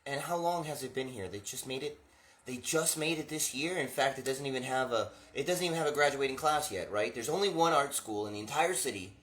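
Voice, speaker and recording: A man's voice: mid-range voice, animated, a little fast, a bit bright. A man rambling wryly in a monologue, as if talking to himself. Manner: wry, rambling, talks to himself. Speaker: vlogger. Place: room indoors. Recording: roomy echo.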